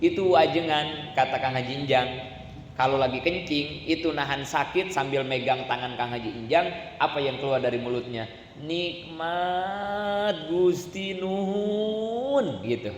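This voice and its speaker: Chatty preacher in an echoey hall. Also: male voice, medium pitch, normal speed, muffled recording. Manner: colloquial, rhetorical questions, emphatic tag "ya". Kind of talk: religious study sermon. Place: mosque or prayer hall. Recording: echoey hall, slight room noise.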